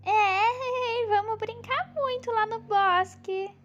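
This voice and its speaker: A sweet little girl doll with a very high, childlike voice that turns whiny and pleading, as a woman puts her on. She talks slowly, and the recording is slightly dull with a faint hiss. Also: over loud music.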